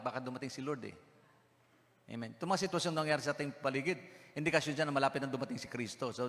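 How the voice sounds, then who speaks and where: A male pastor with a mid-range, somewhat bright voice delivers a sermon in a church hall with long reverb. He switches into English phrases, asks the congregation questions, and keeps coughing.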